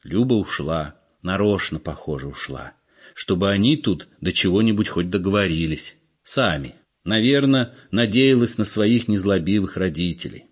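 A man with a low voice reads an audiobook expressively and acts out its characters. The recording sounds dull and lo-fi. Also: animated, normal speed, breathy edge. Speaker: reader. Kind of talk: audiobook narration.

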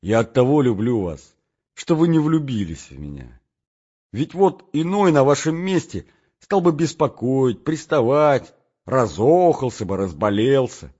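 Young emotional heroine, raised husky voice, rising and pleading, put on by a man narrator, dull recording. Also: mid-range voice, big pitch swings, unhurried, a little mellow, voice pushed up. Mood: affectionate. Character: young woman, excitable, emotional, affectionate.

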